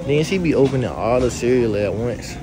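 A young man in his twenties vlogging while shopping in a supermarket, teasing and swearing, with sudden loud bursts. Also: mid-range voice, animated, fairly quick, noisy background. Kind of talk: casual vlog banter. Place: large supermarket, indoors. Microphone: handheld camera.

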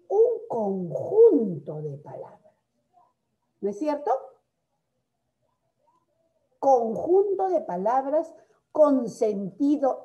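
A woman teaching a grammar lesson to young pupils, explaining slowly, asking frequent rhetorical questions and affectionately calling them her loves. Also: on the high side, warm tone. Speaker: primary school teacher. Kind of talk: recorded grammar lesson for children.

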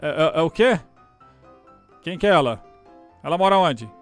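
Excitable high-voiced Brazilian gamer. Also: male voice, normal speed, faint music behind. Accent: Brazilian Portuguese. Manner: excitable, joking, swears, bursts of shouting. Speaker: gamer streamer. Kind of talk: casual gameplay commentary.

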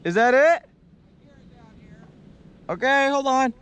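A man's voice: extremely high pitch, animated, slow, fairly bright tone. A young man, a crew member on a sailboat mast, joking nervously about heights. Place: high on a sailboat mast, outdoors. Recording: wind noise on the mic.

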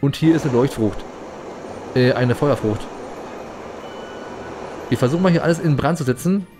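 A man's voice: mid-range voice, normal speed, rough recording. A man giving casual let's play commentary in a playful, rambling, chatty way. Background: game music.

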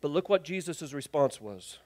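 Animated high-voiced man preaching a sermon. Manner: animated storytelling, acts out the people in the text in quick lively voices; drops to a quiet, earnest tone for key points. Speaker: pastor. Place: church sanctuary.

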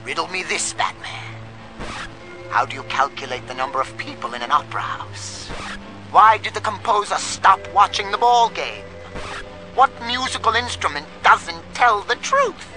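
A man's voice: high voice, sing-song, normal speed, low-quality recording. An actor playing a gleeful, taunting male supervillain in an audio drama, theatrical and gloating, full of puns. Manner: theatrical, gloating, punning, cackling. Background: dramatic music.

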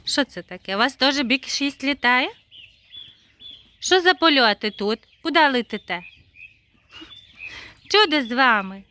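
Woman, casual yard vlog, chatty, laughs often, fairly high voice, faint farmyard noise, outdoors. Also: animated, measured pace, long pauses, bright, forceful tone. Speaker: poultry-keeping vlogger. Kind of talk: casual vlog chat while tending birds.

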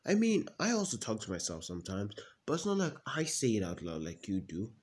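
A man plays a mocking young brother who nags and teases in a home comedy sketch. He pushes his voice up a little higher and louder as he jabs. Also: huge pitch swings, a little fast. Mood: nagging. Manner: teasing, mocking, keeps raising his voice. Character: teasing, nagging young male sibling.

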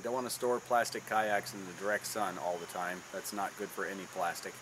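Southern guy in his 50s, kinda low voice, talking thru a backyard fix, crickets and bugs clearly audible. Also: a bit bright. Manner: plain, practical explaining while working. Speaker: DIY video host. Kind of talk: casual how-to narration. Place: outdoors in a backyard. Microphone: camera mic from a few feet away. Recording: outdoor camera audio with insect noise.

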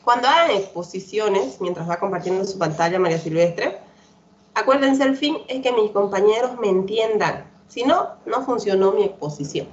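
A woman's voice: medium pitch, animated, moderate pace. A woman teaching English online, patiently explaining and drilling verb forms, often checking understanding with the class. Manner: patient, repetitive drilling, frequent "¿verdad?" checks. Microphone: computer mic on a video call. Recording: dull lo-fi video call audio.

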